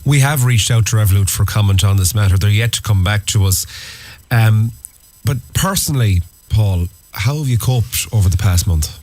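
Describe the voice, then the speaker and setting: A man's voice: fairly low pitch, moderate pace, a little mellow. A man with an Irish accent hosting a local radio interview and putting questions to a guest.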